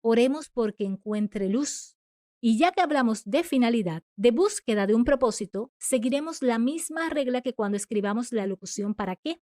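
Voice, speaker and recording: Woman teacher, slightly high voice, calm scripted lesson with lively read-out examples, dry close sound. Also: no echo. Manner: clear, measured explaining, acting out example sentences. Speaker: writing teacher.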